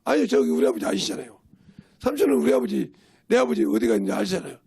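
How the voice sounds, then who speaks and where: Stubborn little boy, tearful and pleading, as a raspy man puts him on in a sermon. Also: very high-pitched, wildly swooping pitch, fast talker, mellow, pitched above the performer's own voice, exaggerated voice. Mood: indignant.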